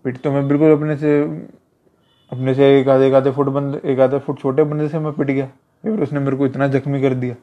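Fairly quick and flat in a mid-range voice, a self-defense instructor chats casually, offering advice, repeating himself, and addressing the listener as "brother." It's captured in a dull, lo-fi recording.

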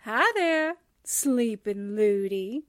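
A woman plays a sassy, wisecracking newspaperwoman in the style of a 1940s radio drama, teasing and sardonic, firing off slangy exclamations and quips. Her voice is on the high side, animated and very slow. The studio sound is clean with no room sound.

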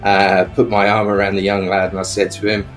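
A man's voice: lowish voice, monotone, brisk, soft background music. Australian man leaving a casual voicemail. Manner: casual, hesitant with many ums and uhs. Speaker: caller.

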